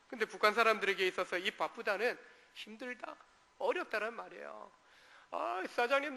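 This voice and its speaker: Man, pastor, sermon, rhetorical questions, high bright voice, reverberant church hall. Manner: acts out short dialect quotes. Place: church sanctuary.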